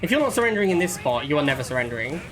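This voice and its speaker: A man with a slightly higher-than-average voice commentates on his own gameplay. He talks casually and conversationally, musing aloud and often circling back to repeat a point. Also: big pitch swings, very fast, a crowd in the background, rough recording. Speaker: game streamer.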